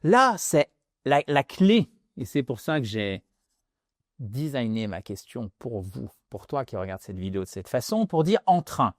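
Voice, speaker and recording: A man giving an English lesson in French, explaining lively and switching into English examples. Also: mid-range voice, unhurried, no echo, clean studio sound. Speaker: English teacher. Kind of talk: video lesson.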